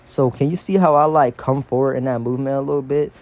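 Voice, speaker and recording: Mellow man talking through dental braces. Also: mid-range voice, fairly even intonation, fast. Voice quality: speech slightly impeded by dental braces. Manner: informal, slangy, instructive. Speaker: fitness instructor. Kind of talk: casual exercise tutorial voice-over.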